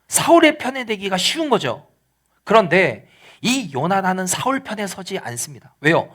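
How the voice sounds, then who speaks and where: Korean church pastor guy preaching, kinda high voice, chatty way of explaining stuff. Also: fairly bright tone. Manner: explains scripture in plain conversational paraphrase, acting out quoted lines. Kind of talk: sermon.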